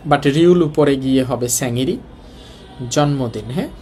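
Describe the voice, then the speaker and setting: A man's voice: mid-range voice, moderate pace, dark tone, soft background music. A man with a colloquial Dhaka Bengali accent teaching a Korean lesson, explaining step by step and asking the class rhetorical questions. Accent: Bangladeshi Bengali, colloquial Dhaka speech.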